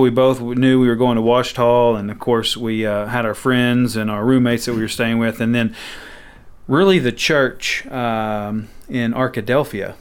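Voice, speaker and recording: A man's voice: medium pitch, clean tone. A man tells his story casually and informally, as a pastor and podcast guest. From Arkansas.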